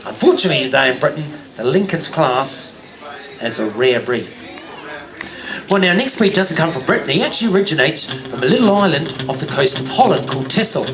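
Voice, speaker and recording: A middle-aged man with a fairly high voice works a live crowd at a stage show, cracking jokes and calling out to the kids. Music plays behind him while he talks. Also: expressive, brisk. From New Zealand. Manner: jokey showman, addresses kids and audience. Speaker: sheep show presenter.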